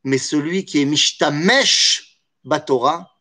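A man's voice: a little high, takes it slowly, sharp tone. A man teaching a Torah study lesson, explaining with animation, weaving in Hebrew terms and jokey asides.

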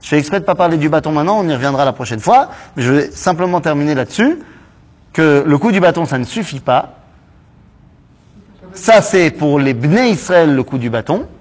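A man teaching a lively Bible study class, asking quick rhetorical questions and mixing Hebrew terms into his talk. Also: fairly high pitch, husky. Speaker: Torah teacher.

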